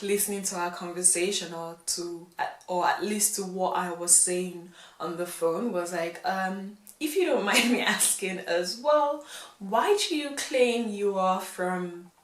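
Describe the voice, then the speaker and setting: Framed head-and-shoulders before a plain grey wall indoors, a young woman with English and Nigerian roots vlogs casually to camera, gesturing animatedly, chatting away and often laughing. Her voice is mid-range with a roomy sound.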